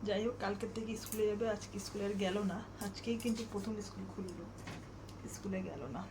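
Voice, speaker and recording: A woman speaks quickly in a steady, medium-pitched voice, telling her viewers about her day at home in a chatty daily vlog. She rambles softly so a sleeping child won't wake, and the indoor phone recording is noisy.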